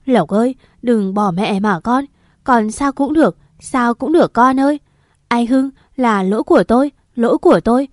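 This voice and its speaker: A woman's voice: on the high side, expressive, moderate pace, darkish tone, no echo, studio quality, natural voice. Woman doing a sobbing, desperate mother. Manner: sobbing, pleading. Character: middle-aged mother, grieving and desperate.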